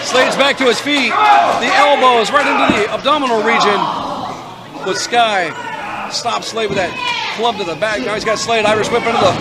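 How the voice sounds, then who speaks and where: High-pitched excitable male wrestling announcer, loud crowd. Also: normal speed. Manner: excitable, exclaiming at big moves. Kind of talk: live pro wrestling play-by-play commentary. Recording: loud crowd noise behind commentary.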